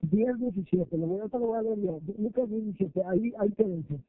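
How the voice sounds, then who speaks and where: Man, pastor, lively sermon, high voice, tinny dry phone-like sound. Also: brisk, dry recording. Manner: lively preaching, acts out quoted voices, asks listeners questions.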